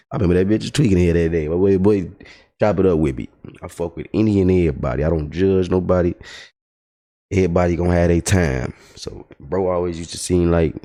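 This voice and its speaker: A man's voice: low voice, mellow. A man livestreaming a casual, profane, exasperated storytelling rant. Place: home streaming setup.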